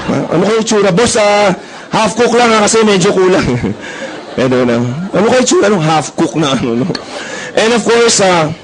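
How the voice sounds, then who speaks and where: Young man, comic sales pitch, teasing the crowd, fairly high voice. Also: rough recording. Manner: joking, storytelling, asks the crowd questions. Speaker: marketing presenter. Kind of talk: comic sales talk to a live audience.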